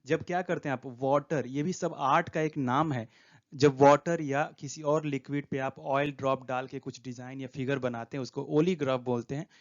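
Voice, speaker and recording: Guy teaching exam vocab, explains slow and repeats words, kinda muffled lo-fi audio. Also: medium pitch, steady tone. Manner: explains slowly, repeats key words, reads English prompts aloud. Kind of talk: exam prep lesson. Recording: dull lo-fi recording.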